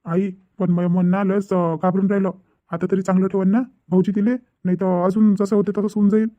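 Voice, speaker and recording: A man's voice: sits high, little pitch movement, fairly quick, no room sound, narrow, tinny audio, natural voice. A man voicing a worried young village brother who rambles and repeats himself in a cartoon family drama.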